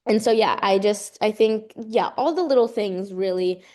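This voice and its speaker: A woman's voice: medium pitch, normal speed, a little mellow. A young adult woman, a college gymnast, speaking in an earnest, effusive and emphatic way as the guest in a casual interview.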